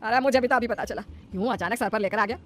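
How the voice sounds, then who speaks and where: A woman's voice: fairly high pitch, fast, a little hiss or hum, close to an everyday voice. A woman voicing a bossy, possessive middle-aged mother-in-law in a cartoon story, scolding and complaining.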